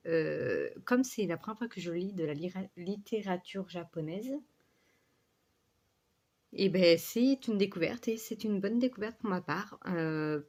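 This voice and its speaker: A woman rambles casually to her book vlog in a scatterbrained way, her words carrying a slight lisp. Her voice is fairly low, a little mellow, and measured in pace.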